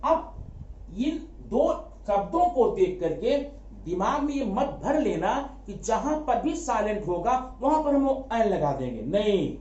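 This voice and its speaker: A man teaching a grammar lesson, asking quick rhetorical questions, answering them himself and repeating key words for emphasis. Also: high-pitched, sing-song, a little mellow. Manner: addresses students familiarly as brother. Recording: echoey room, dull lo-fi sound.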